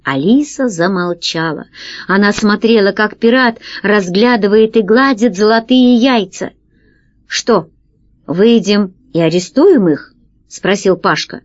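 A woman's voice: medium pitch, measured pace, highs cut off. A woman narrating a children's science fiction story aloud, reading expressively and shifting her voice for the dialogue. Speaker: audiobook narrator. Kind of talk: scripted narration of a children's sci-fi tale.

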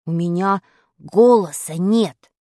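A woman voicing a glum, sluggish schoolboy in a children's story, in a low, droopy voice. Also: takes it slowly, dark tone, no echo, studio quality.

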